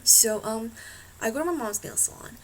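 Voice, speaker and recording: A woman's voice: on the high side, lively intonation, moderate pace, a little hiss or hum, rough recording. A woman chatting casually to her laptop webcam at home, rambling, swearing freely and filling her talk with "like" and "um". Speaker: beauty vlogger. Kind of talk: casual chat to camera.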